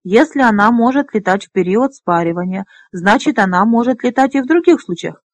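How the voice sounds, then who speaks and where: A woman's voice: a little high, lively intonation, fairly quick, dry recording. A woman voicing a young dragonrider heroine who argues patiently but insistently, in a fantasy audiobook. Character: young woman, a determined, probing dragonrider leader.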